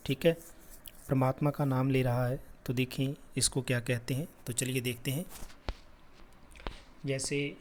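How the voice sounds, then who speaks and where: A man teaching a class lesson, patiently repeating sounds slowly for children. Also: mid-range voice, darkish tone, slight background noise.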